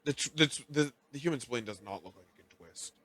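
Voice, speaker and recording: A man co-hosting a casual animation podcast, teasing his partner and breaking into animated bursts of emphasis. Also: mid-range voice, quick pace, slightly rough, no echo. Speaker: podcast co-host. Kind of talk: casual chat.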